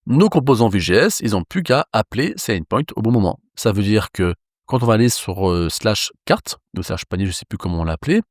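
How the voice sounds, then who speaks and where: A man from France teaching a coding lesson in a relaxed, reassuring way with casual fillers. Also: lowish voice, brisk, dry recording, studio quality. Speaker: programming instructor.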